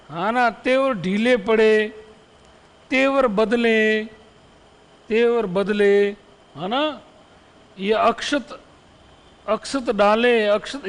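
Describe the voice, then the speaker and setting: A man's voice: sits high, long reverb tail. A male Hindi grammar teacher giving an exam-prep lesson, repeating example phrases and checking in with the students after each one. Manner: poses questions to the students.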